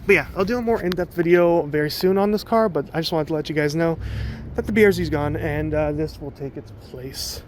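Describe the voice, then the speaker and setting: A man's voice: fairly high pitch, brisk, a little hiss or hum. A man casually showing viewers his car outdoors, rambling with lots of fillers and a little out of breath. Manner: rambling, loose, many fillers. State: a bit out of breath. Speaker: car vlogger.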